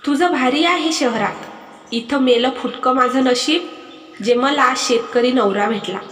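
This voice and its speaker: Storybook role: woman reading as a sharp-tongued young wife, high voice, echoey hall. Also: measured pace. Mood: angry complaining. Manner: complaining, raises her voice. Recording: echoey hall with music behind.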